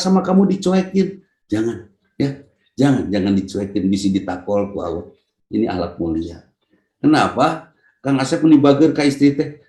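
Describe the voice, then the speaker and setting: Animated Sundanese-accented preacher in an echoey room. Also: male voice. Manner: lively storytelling, jumps to a high voice to act out lines; addresses listeners by name. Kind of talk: Islamic study sermon. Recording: roomy echo.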